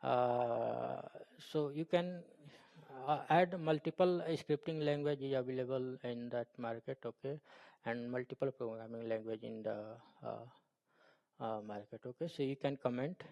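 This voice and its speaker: A man with an Indian accent explaining informally as a tutor, halting and repeating himself, often checking with "okay?". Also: fairly even intonation, creaky, a little mellow. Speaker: programming tutor. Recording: boomy, long room reverb.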